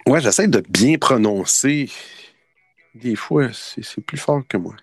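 A man's voice: medium pitch, expressive, takes it slowly, husky. A man with a Québécois French accent hosting a casual online quiz show, playful and chatty. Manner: playful, chatty, laughs often. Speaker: quiz host.

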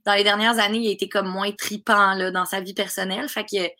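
A woman's voice: mid-range voice, level tone, fast, bright, forceful tone. A woman with a Québécois accent, a dubbing actress chatting casually as a guest and laughing often. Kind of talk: casual interview chat.

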